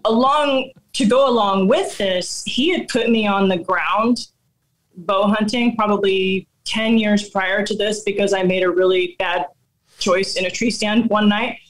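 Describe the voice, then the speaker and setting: A woman's voice: mid-range voice, a little slow, low-quality recording. Laughing Midwestern woman telling a hunting story. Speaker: guest hunter. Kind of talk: casual storytelling chat.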